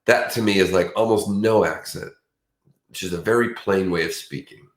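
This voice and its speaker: A deep-voiced man from around Boston, speaking at a normal speed with his local accent, co-hosts a true crime stream. His talk is sleepy, loose and rambling, chatty and full of restarts. Echo from the room is present in the recording.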